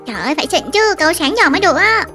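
A woman's voice: extremely high pitch, lively intonation, racing, bright, forceful tone, soft background music, heavily acted. A woman voicing a meek, hardworking older sister in a game-made fairy tale, polite and whiny when upset. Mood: cheerful.

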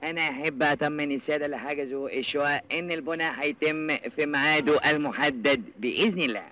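A man's voice: a little high, quick pace, bright, forceful tone, rough recording. An actor playing a pompous young male businessman who bluffs, speaking with an Egyptian accent and mixing in English words. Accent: Egyptian Arabic. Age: young adult. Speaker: film character. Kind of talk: 1980s comedy film acting.

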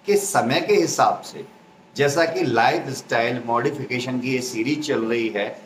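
A man giving an explanatory health talk as an Ayurveda educator, measured and teacherly, listing points one by one. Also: medium pitch, a bit bright, roomy sound, slight background noise, low-quality recording.

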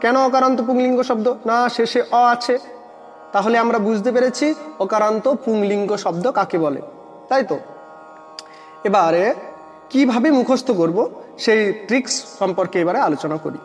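High-voiced man teaching grammar, with reverb. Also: moderate pace, long pauses, faint music behind. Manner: patient, asks questions and answers them himself. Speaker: Sanskrit teacher. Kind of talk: online grammar lesson.

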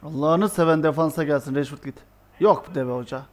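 A young man commentating his own football video game match live, excitable and exasperated, shouting at his players. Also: a little high, a little fast.

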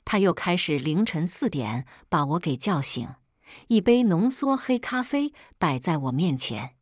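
A woman with a lowish voice tells a first-person story in a calm, even, scripted way. The sound is dry and close, with no room around it. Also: measured pace, no echo.

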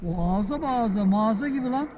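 Middle-aged man, host's father, fond and teasing, high pitch, outdoors with other voices behind. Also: animated, fast talker, crowd noise. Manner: teasing and affectionate, fond pet names. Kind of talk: casual chat while fishing. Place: outdoors beside a stream.

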